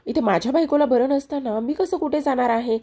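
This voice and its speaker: A woman's voice: high-pitched, a little fast, warm tone, breathy edge, voice pushed up. A woman reading the lines of a protective young husband who refuses to leave his sick wife. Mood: firm. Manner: firm, protective. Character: young husband, caring and stubborn.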